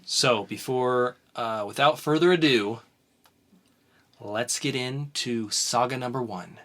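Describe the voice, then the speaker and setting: A man co-hosting a casual comics podcast runs through a list of upcoming releases in a chatty, upbeat way. His medium-pitched voice has a fairly bright tone and a slow pace.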